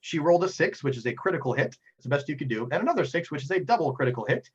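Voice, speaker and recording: A man narrating a tabletop role-playing game as game master, animated and excitable, with frequent ums and uhs. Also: a little high, racing, slightly rough, lo-fi sound.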